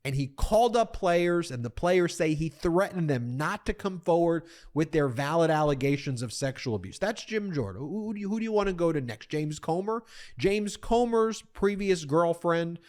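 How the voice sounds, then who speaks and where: A man's voice: a little high, expressive, normal speed, darkish tone. A man hosting a political commentary, indignant, often repeating himself and addressing his audience as folks.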